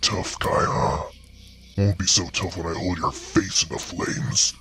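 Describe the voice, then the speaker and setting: A ragged old bear speaks in a deep, rough growl, raspy and threatening, as a male narrator puts him on. The voice is low and gravelly, with a hard, tense edge over soft music behind it. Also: fairly even intonation, a little slow. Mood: menacing.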